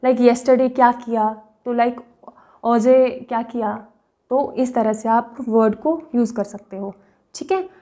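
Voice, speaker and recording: A young woman leads a language lesson, her voice high and mellow. Patient in her explanations, she says sample words slowly several times and often asks "right?" or "okay?" to be sure viewers are keeping up.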